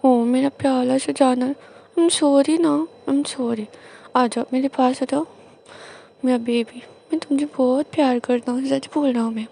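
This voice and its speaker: A woman's voice: sits high, normal speed, darkish tone, slight background noise, voice pushed up, natural voice. Woman voicing a coaxing young omega husband. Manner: sweet, coaxing and whiny. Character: young male omega husband, playful and pleading.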